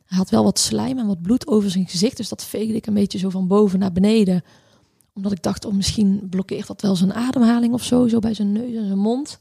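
Husky, gravelly woman recounting a home birth. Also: mid-range voice, fairly even intonation, mellow, no room sound, studio quality. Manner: halting, reflective, many restarts and fillers. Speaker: interviewee telling her birth story. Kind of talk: personal storytelling.

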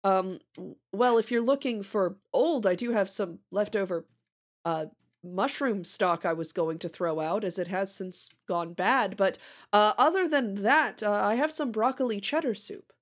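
A woman voicing a polite, hesitant soup seller in a tabletop game, halting and deferential. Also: medium pitch, lightly acted. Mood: baffled, polite. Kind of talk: improvised tabletop role-play.

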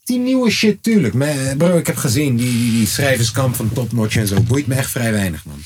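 A man, a father, co-hosting a podcast in casual, slang-heavy chat that breaks into animated, high-pitched exclamations. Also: brisk, a little hiss or hum. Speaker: podcast co-host.

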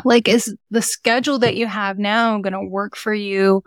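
A woman's voice: mid-range voice, steady tone, normal speed, dry recording, clean studio sound. A woman speaking as a guest in a podcast interview, explaining her coaching work for mothers in an earnest, encouraging way. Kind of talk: conversational interview.

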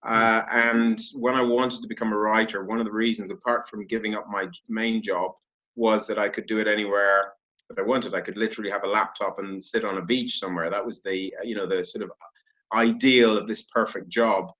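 A middle-aged Irish man talks freely as a guest, his tone bright and forward. He often stops to fix his own phrasing and laughs easily. His video call audio comes through dull and lo-fi. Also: on the low side, fairly even intonation, a little fast. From Ireland. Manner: chatty, self-correcting, laughs easily. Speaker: guest, author. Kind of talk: casual interview chat.

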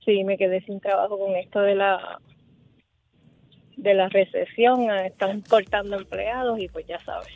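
Brief: female radio caller, soft-spoken, heard through a tinny phone line. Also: mid-range voice, steady tone, a little slow, vocal fry.

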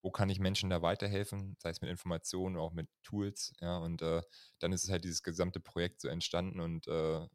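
A man in his thirties from Germany, a chiropractor talking as a guest in a relaxed, loose way. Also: low-pitched, brisk, no echo, studio quality. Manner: relaxed, loose, peppers speech with "ja". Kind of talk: casual interview talk.

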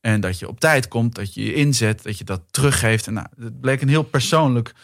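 A man's voice: medium pitch, brisk, no echo, studio quality. A man in his forties, a guest actor and writer, telling personal stories in a casual talk. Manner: thoughtful anecdotes, many fillers. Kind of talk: casual chat.

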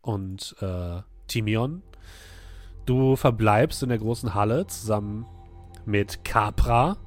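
A man narrating a tabletop fantasy game as game master, telling the story descriptively and haltingly. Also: fairly low pitch, faint music behind.

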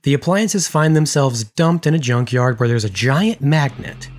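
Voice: mid-range voice, animated, normal speed, darkish tone, slight background noise. Co-host reading a wry film recap. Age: 30s. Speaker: podcast co-host. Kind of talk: scripted narration mixed with casual chat.

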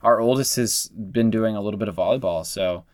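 A man's voice: on the low side, fairly quick, darkish tone, no echo, clean studio sound. A man co-hosting a casual sports fan podcast, chatty and enthusiastic. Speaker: podcast co-host.

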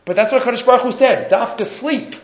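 A man with giving an animated religious lesson as a rabbi, emphatic, repeating phrases and answering his own questions. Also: very high voice, fairly quick. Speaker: rabbi teaching a Torah class. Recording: echoey room, dull muffled sound.

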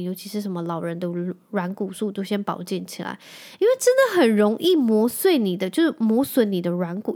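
A woman in her thirties with a Taiwanese Mandarin accent hosts a casual podcast. She tells a long personal story in a lively, chatty way. She keeps turning to her listeners and speaking to them directly. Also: medium pitch. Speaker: podcast host.

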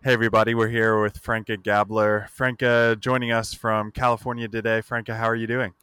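A man hosting a podcast, introducing the show and his guest in a relaxed, casual way. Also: fairly low pitch, a little fast, clean tone, dry recording. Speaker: podcast host.

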